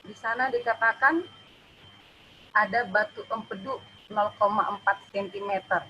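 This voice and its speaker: A young woman shares a personal testimony at church, her voice bright and forward. She speaks in a halting, emotional way and keeps slipping in little confirming "ya"s as she goes. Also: medium pitch, dull audio, a little hiss or hum. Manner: emotional, halting, often adds "ya".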